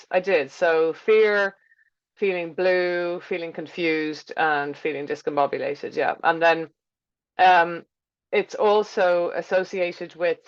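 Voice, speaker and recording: A woman giving an informal health lecture with slides, explaining in a chatty way and thinking aloud as she goes. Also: low voice. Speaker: teacher presenting a health class. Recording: dull, lo-fi sound.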